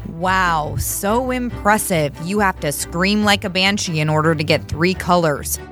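Sarcastic tough young fighter. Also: female voice, on the low side, a little slow, fairly bright tone, faint music behind. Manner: cutting, sarcastic. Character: sharp-tongued young female warrior, tough.

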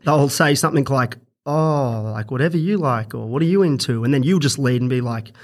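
A young man on a podcast, telling a story in a crude, casual way and swearing freely, getting animated as he goes. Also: mid-range voice, fairly quick. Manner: crude, swears a lot, animated when retelling stories. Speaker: podcast guest.

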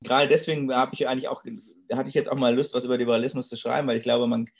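A man giving thoughtful, halting interview answers with many restarts. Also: medium pitch, level tone. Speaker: interview guest, political thinker.

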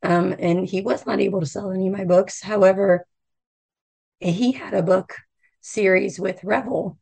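A woman from the United States with a hoarse, froggy voice, talking casually as a novelist being interviewed. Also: mid-range voice, steady tone, moderate pace, mellow. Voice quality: croaky frog voice.

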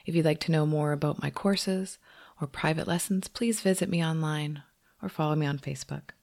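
Here a woman with a deep voice works as a meditation teacher, taking listeners through a guided session in a gentle, unhurried manner marked by long pauses.

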